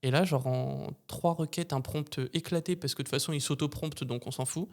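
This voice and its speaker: A man hosting a podcast, telling stories in a slangy, animated way with many fillers. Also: a little high, a little fast. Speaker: podcast host. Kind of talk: casual chat.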